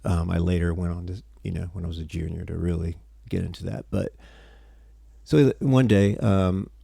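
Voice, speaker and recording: A man's voice: low voice, steady tone, moderate pace, creaky, dark tone, husky, no echo, clean studio sound. A tired man teaching music theory on a casual livestream, rambling and breaking off mid-sentence as he chats with viewers. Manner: rambling, self-interrupting, chatty with viewers.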